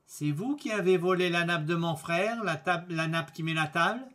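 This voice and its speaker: A man voicing a bold young peasant lad in a fairy tale, making loud, commanding threats. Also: high voice, moderate pace.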